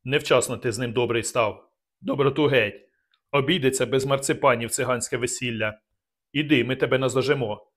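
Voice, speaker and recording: A man voicing a grim male peasant rebel who speaks low and curt in an audiobook. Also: fairly even intonation, brisk, a bit bright, lightly acted. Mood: stern.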